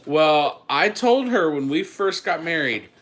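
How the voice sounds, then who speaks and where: Bright-voiced chatty homestead host. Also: male voice, fairly high pitch, lively intonation, a little slow. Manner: chatty, greets viewers by name, self-teasing. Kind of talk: casual livestream chat.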